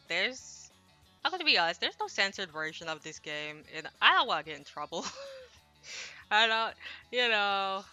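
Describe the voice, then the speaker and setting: A woman game streamer with a very bright, sharp, clean voice pitched a little low chats casually on a livestream while translating a Japanese visual novel. She rambles, puts herself down, and apologizes, talking into a headset over game music.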